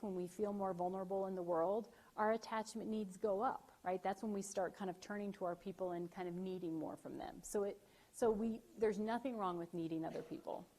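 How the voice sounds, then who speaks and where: A woman lecturing at a campus event in a warm, chatty way. She keeps checking in with her audience and grows animated when she tells stories. Her pitch sits in a middling range. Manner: chatty, frequent "right?" check-ins, animated retellings. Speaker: university lecturer. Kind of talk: lively campus talk. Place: event room.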